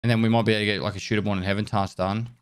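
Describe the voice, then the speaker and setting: Australian guy on a livestream headset mic, laid-back streamer voice, halting and easygoing. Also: lowish voice, clear, resonant tone. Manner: relaxed, trailing off with hesitations while thanking viewers. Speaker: gaming streamer. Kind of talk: casual livestream chat while gaming.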